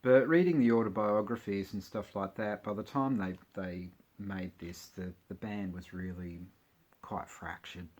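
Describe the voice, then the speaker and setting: A man's voice: on the low side, a little slow, darkish tone. A man chatting casually about his record collection, with wry, jokey asides. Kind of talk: casual chat while unboxing records.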